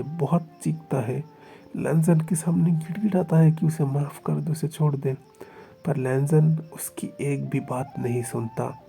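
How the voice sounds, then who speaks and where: A man's voice: medium pitch, gravelly, warm tone. A man narrating a fan fiction story aloud in a dramatic, emphatic way. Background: faint music.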